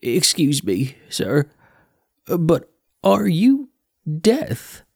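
A man's voice: fairly high pitch, huge pitch swings, very slow, gravelly, breathy edge, no echo, studio quality, pitched above the performer's own voice, full character voice. A man doing a nervous polite teenage boy. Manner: earnest, polite and hesitant.

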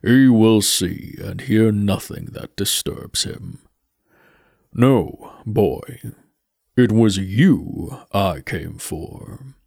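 Death in a storybook: a man doing a solemn skeleton, low, slow and hollow, gravelly. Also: expressive, darkish tone, no echo, studio quality, heavily acted. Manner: slow, measured, grave delivery. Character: Death, a solemn male skeleton, calm and courteous.

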